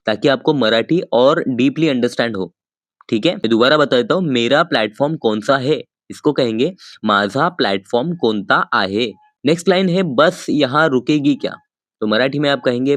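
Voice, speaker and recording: A man with a mid-pitched voice teaches phrases in a calm, patient lesson. He repeats each line slowly and speaks directly to his viewers. The recording is close and dry, with no room echo. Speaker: language teacher. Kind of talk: explaining vocabulary in a lesson.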